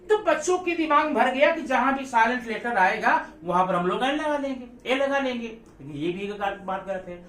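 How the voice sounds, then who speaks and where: A man's voice: extremely high pitch, expressive, moderate pace, a bit bright. Man, teacher, classroom lesson, questions students, repeats key words, roomy echo. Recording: echoey room, voice from a distance.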